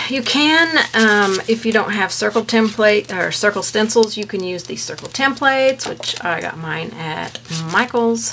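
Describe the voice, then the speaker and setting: Relaxed, chatty woman art instructor, low voice. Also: vocal fry, a little hiss or hum. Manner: relaxed, chatty, with many fillers. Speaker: painting instructor. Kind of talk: paint-along tutorial.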